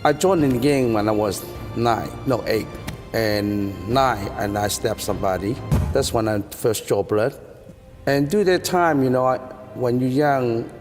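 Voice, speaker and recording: A man from Hong Kong answering in a TV interview, speaking plain, halting broken English. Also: mid-range voice, big-room sound. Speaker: interview guest.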